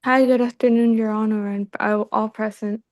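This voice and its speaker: A woman's voice: on the high side, steady tone, normal speed, a little mellow. A woman testifying to a judge over a video call, speaking hesitantly and restarting her sentences. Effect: heard over a video call. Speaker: witness in a court hearing.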